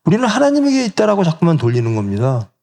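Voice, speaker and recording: A man's voice: a little high, wildly swooping pitch, fast talker, gravelly, a little mellow. A middle-aged male pastor preaching a sermon in a church, asking the congregation questions and acting out the voices he quotes. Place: church sanctuary.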